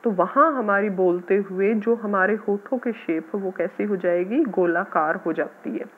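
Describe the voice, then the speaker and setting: A woman teacher patiently explaining a grammar lesson to schoolchildren, sounding out words slowly. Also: mid-range voice, a little hiss or hum. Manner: patient, addresses students as "beta", repeats words slowly. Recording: tinny phone-like audio.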